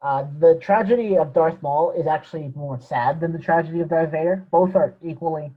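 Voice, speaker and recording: Guy cohosting a podcast, slightly high husky voice, lo-fi dull mic. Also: a little fast. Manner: relaxed fan talk with fillers, trailing off quietly. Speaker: podcast co-host. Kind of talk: casual chat.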